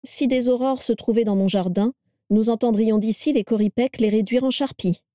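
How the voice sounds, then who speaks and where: A haughty, icy aristocrat speaks with quiet menace in a mellow, dark tone, read by a woman narrator. It sits close to the mic in a dry recording. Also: a little high, a little fast, dry recording, voice pushed up, lightly acted. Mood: cold. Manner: calm, cold and menacing. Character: cold, aristocratic older wizard, menacing and calm.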